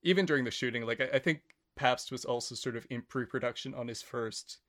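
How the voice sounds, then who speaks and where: A man's voice: mid-range voice, brisk, fairly bright tone. A man hosting a film podcast in casual chat, hesitant, with many fillers and restarts. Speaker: podcast host.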